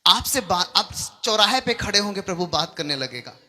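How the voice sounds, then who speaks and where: Man, pastor, sermon, emphatic, high-pitched, very bright voice. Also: big pitch swings, normal speed. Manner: emphatic, repeatedly asks the congregation if they understand.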